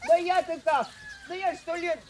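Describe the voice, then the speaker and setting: An actress playing a flustered, middle-aged village aunt in a film drama, scolding and grumbling in a wailing lament. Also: female voice, very high voice, fairly even intonation, moderate pace. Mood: exasperated lament. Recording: noisy outdoor film sound, distant.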